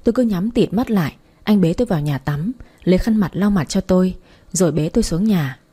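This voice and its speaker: Husky-voiced young woman telling her story. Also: fairly low pitch, expressive, brisk, mellow. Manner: intimate, confessional telling. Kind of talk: first-person story narration.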